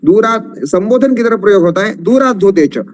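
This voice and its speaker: A man with a notably high voice teaches an online Sanskrit class. He explains grammar rules patiently and slows down to chant verses, stretching the long vowels. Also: animated, darkish tone.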